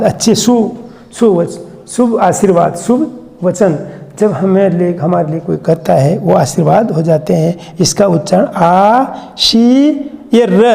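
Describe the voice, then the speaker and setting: A man's voice: sits high, vocal fry, mellow. Hindi teacher man in an echoey room. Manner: slow, syllable-by-syllable pronunciation drills; asks questions and repeats the answer. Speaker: school teacher. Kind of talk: explaining a lesson to pupils.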